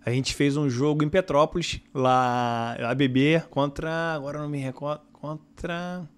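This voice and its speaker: A middle-aged Brazilian man, a football director guest, telling anecdotes in casual podcast chat, his voice climbing when he gets excited. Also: fairly high pitch, normal speed, smooth.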